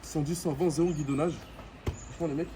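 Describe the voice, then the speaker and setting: A man's voice: fairly high pitch, fairly even intonation, quick pace, warm tone. A young man chats casually to camera in street slang, reviewing like a vlogger. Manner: French suburban street slang. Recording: noticeable ambient background noise.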